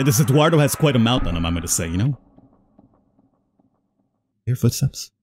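A man's voice: medium pitch, husky. A man hosting a horror game playthrough, chatting and rambling casually to his viewers. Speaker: gaming video host.

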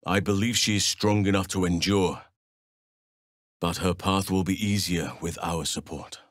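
In a fantasy video game, a male actor voices an earnest druid, a battle-hardened guardian of nature, using formal, old-fashioned wording at a measured, solemn pace. His voice is deep and steady, and the mood is grave and earnest. The studio-quality recording has no room sound.

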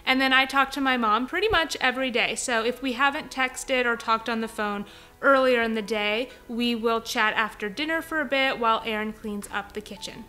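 A young, pregnant woman hosts her home vlog, cheerful and chatty, mixing upbeat talk with voice-over narration. Her voice is fairly high-pitched at a normal speed, and soft music plays in the background.

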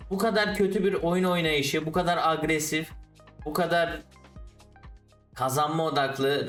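A man commentating his own football video game match, ranting at the referee and the players, then calmly explaining his tactics. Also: a little high, reverberant, recorded from a distance. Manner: switches to calm explaining of tactics. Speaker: gaming YouTuber.

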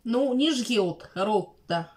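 A woman's voice: on the high side, animated, very slow, a little mellow. A woman chatting casually while chewing food in an eating vlog. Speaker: vlogger. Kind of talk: casual mukbang chat.

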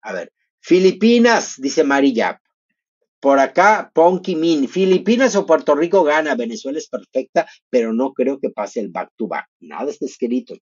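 A chatty man hosts a live stream, reading viewer comments aloud in a theatrical, effusive way. His voice sits a little high, swoops lively up and down, and has a husky edge. The audio is dull and lo-fi. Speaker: livestream host.

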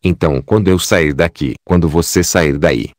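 A man's voice: rumbling low, moderate pace, no room sound, studio quality. A man reading a cold, contemptuous male cult leader in an audiobook, curt and harsh.

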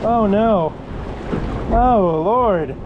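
A man with a high-pitched voice talks casually and slowly, reacting with theatrical dread. He is outdoors on a moving ride, and loud noise surrounds his voice. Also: phone-quality sound. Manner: mock-dramatic nervous exclamations. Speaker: vlogger riding an amusement park log flume. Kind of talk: casual spontaneous ride commentary. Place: outdoors, aboard a moving log flume boat.

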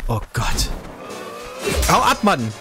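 A young man giving excitable, slangy gameplay commentary, yelping and laughing as he plays. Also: a little high, slow, over music. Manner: excitable, slangy, laughs often, yelps at hits. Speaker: gaming YouTuber.

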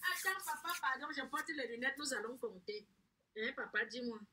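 A woman's voice: a little high, moderate pace, very noisy. A woman chatting in a playful, teasing way, bossing the other speaker around for fun. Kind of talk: teasing casual chat.

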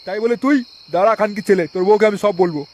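A man voicing a foul-mouthed angry man in a comic cartoon, cursing in crude rapid bursts. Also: sits high, a little mellow, natural voice. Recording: noisy home recording.

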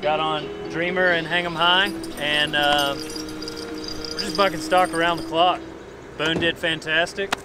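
A man's voice: fairly high pitch, steady tone, unhurried. A man hosting a ranch vlog outdoors, talking in a folksy, upbeat way. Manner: folksy, says "old son". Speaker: show host. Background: music.

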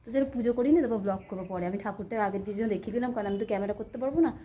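A woman with a warm mid-range voice talks rapid-fire to her viewers in a casual daily vlog filmed on a handheld phone. She's chatty, tends to ramble, and repeats herself.

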